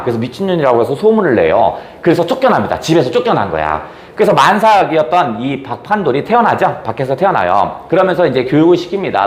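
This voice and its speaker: A man giving an exam-prep literature lecture, retelling a story with acted-out lines and rhetorical questions. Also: reverberant. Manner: animated, acts out quoted lines with raised pitch, asks rhetorical questions.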